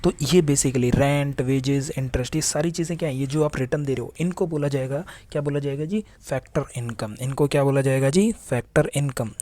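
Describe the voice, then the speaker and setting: A young male teacher gives a casual classroom lecture in a warm, mellow voice. He keeps asking his students questions and answering them himself. The sound is close and dry, with little room in it. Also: medium pitch, a little fast, hardly any pauses, no room sound.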